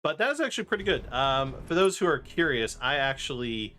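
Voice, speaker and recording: A speedrunner narrates his own run during a casual live stream, cracking jokes over the video game music. He speaks a little fast in a sing-song, bright, forceful mid-range voice.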